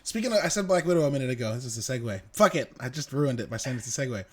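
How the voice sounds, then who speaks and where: A man in his thirties, co-hosting a casual gaming podcast chat, telling stories with excitement and plenty of swearing. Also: mid-range voice, racing, a crowd in the background. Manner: excitable storyteller, swears freely. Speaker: podcast co-host.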